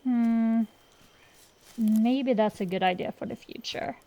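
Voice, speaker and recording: A female performer voices a young-sounding fantasy dragon girl in an ASMR roleplay, a cocky tomboy scamp caught in defensive banter. Her high, warm voice moves unhurriedly as she blusters, sounding defensive and sheepish, offering hesitant excuses with long drawn-out pauses in a one-sided comedic dialogue.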